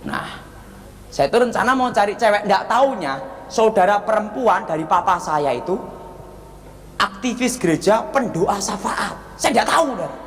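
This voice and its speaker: A man, a pastor giving a sermon testimony and telling his story with acted-out dialogue and loud exclamations. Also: sits high, expressive, moderate pace. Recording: long reverb of a large hall.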